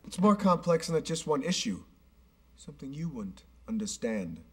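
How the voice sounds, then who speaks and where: A man's voice: fairly high pitch, very animated, moderate pace, breathy edge. A man playing a smug, preachy young boyfriend. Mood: condescending. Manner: condescending, sanctimonious. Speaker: actor. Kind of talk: sitcom acting. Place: studio set.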